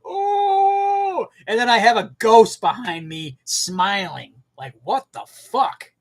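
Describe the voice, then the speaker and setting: Male anime commentator with a high voice, brash and excitable. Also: unhurried, gravelly. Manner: animated and profane, bursting into shouts. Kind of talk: casual opinion rant.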